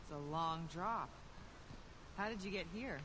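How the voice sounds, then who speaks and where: A man's voice: sits high, a little slow, background noise. An actor playing a wary, curious male adventurer who asks practical questions.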